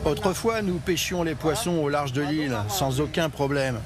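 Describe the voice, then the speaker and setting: A man speaks as a fisherman. His voice is somewhat high, and loud outdoor boat and background noise surrounds it. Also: normal speed, crowd noise. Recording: very noisy outdoor boat setting.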